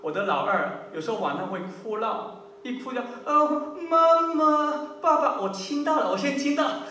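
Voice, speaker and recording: A man with a very high, bright voice preaches an animated sermon, swinging his pitch widely and pressing his points with rhetorical questions. He sounds a little off the mic in a strongly echoing hall, with a faint hum underneath. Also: a little fast, far from the mic. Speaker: pastor. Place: church hall.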